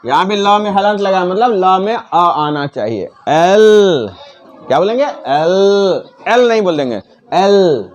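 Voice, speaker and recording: A man teaching the alphabet to children in a slow, repetitive classroom manner, asking questions and repeating each sound. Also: high voice, expressive, lo-fi sound. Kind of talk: classroom-style alphabet lesson.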